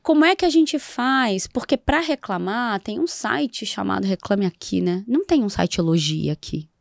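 A woman's voice: medium pitch, expressive, gravelly, no room sound. Emphatic woman, dry close sound. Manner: emphatic, repeats key phrases, slows for recitation. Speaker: podcast guest, HR expert. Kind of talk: conversational interview talk. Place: podcast studio.

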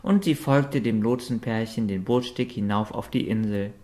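A man's voice: lowish voice, moderate pace, a little mellow. Man reading a storybook aloud. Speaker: audiobook reader. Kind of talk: scripted narration.

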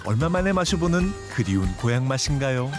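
Lively male narrator over loud music. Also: medium pitch, fairly quick. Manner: storytelling, rhetorical questions. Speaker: documentary narrator. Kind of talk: scripted narration.

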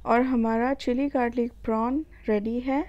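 Indian woman, cooking channel host, high mellow voice, calm step-by-step voice-over. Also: dull audio. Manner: calm step-by-step instructions with filler pauses.

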